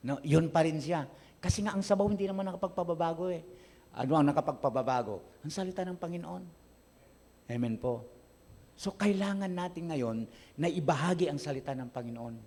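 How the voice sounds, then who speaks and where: High-voiced Filipino pastor preaching. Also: male voice, a little fast. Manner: addresses the congregation often, asks questions and gives its replies; rises from quiet, low delivery to loud, high, emphatic preaching. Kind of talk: sermon. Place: church service.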